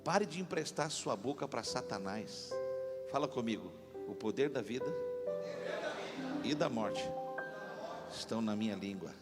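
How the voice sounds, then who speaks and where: A man pastor preaching a lively sermon in a church, leading the congregation to repeat after him. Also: medium pitch. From Brazil. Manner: animated, call-and-response with congregation. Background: instrumental music.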